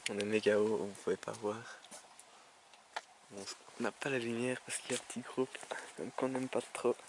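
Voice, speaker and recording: A man's voice: mid-range voice, fairly even intonation, moderate pace. A man casually narrating his night exploration as an urban exploration vlogger, informal and given to mild swearing. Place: inside large empty abandoned building and rooftop. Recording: echoey, very noisy handheld camera audio.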